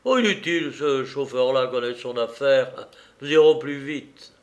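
A man voicing a rough police officer who gloats and threatens, in an audiobook reading. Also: mid-range voice, a little slow, lightly acted. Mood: confident. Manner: gruff and mocking.

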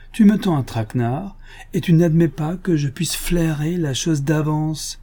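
A man reading the part of a cocky, mocking gentleman thief in an audiobook, taunting and condescending. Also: on the high side, pitched above the performer's own voice, natural voice.

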